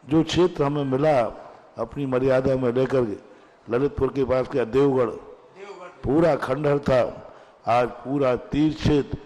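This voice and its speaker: A man's voice: mid-range voice, fairly even intonation, moderate pace, mellow, in a large hall, poor audio. A male monk answering questions in a discourse, speaking emphatically and repeating his key phrases.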